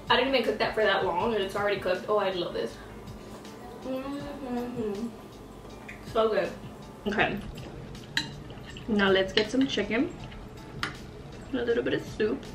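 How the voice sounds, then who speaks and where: A woman's voice: medium pitch, moderate pace, long pauses, reverberant, distant mic, music in the background, poor audio. A young woman chatting casually through a cooking vlog, tasting food as she talks. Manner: chatty, eating while talking. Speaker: vlogger.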